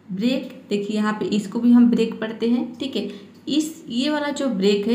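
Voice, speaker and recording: A woman's voice: a little high, a little mellow. A woman teaching English reading and spelling rules in Hindi, patiently repeating each point and checking with her viewers. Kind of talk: explaining spelling and pronunciation rules. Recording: echoey room.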